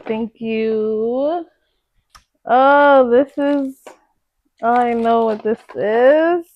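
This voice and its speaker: A young pregnant woman chatting casually as she unboxes baby gifts, gushing and excitable, with slangy exclamations. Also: on the high side, drawn-out words, muffled recording. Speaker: vlogger.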